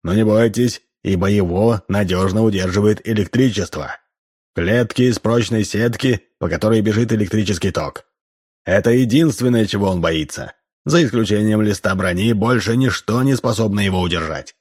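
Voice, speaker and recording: A man's voice: lowish voice, moderate pace, a little mellow, husky. A man voicing a showy fairground barker who declaims to the crowd. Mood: pitching. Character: loud male fairground barker.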